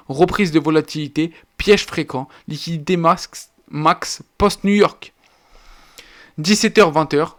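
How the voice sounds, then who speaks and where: A man hosting his own channel, explaining trading charts in clipped, list-like phrases with casual interjections. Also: fairly high pitch. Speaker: trading educator and channel host.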